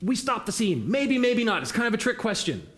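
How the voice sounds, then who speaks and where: A man's voice: sits high, big pitch swings, a little fast, fairly bright tone. A man leading an interactive theatre workshop, encouraging volunteers and asking the audience questions. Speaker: workshop facilitator.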